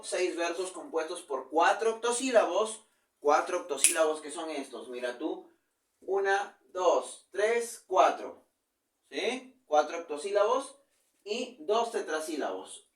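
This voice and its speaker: A man's voice: fairly high pitch, recorded from a distance. A man teaching a virtual literature class, explaining step by step and often checking in with his students. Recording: echoey room, voice off-mic.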